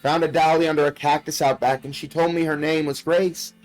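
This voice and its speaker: A man's voice: a little high, level tone, fairly quick, soft background music, close to an everyday voice, low-quality recording. A man voicing a frightened little country girl reading her diary, plaintive and folksy, from a video game. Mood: plaintive, uneasy.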